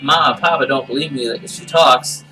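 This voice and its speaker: A man's voice: mid-range voice, brisk, pushed and bright, natural voice. Man as a young farm girl, uneasy, childlike folksy diary voice, game story, music underneath. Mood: naive, uneasy. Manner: simple childlike phrasing, folksy. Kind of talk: character reading in a game playthrough. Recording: distant mic, music behind.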